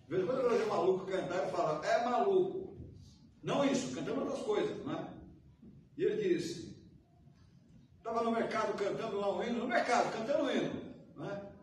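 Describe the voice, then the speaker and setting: A man with a Brazilian Portuguese accent, a pastor telling a story in a sermon, swinging between loud emphasis and soft, low passages. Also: expressive, a little fast, pauses often. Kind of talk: sermon with anecdote. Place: church sanctuary. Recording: echoey church from far off, faint noise.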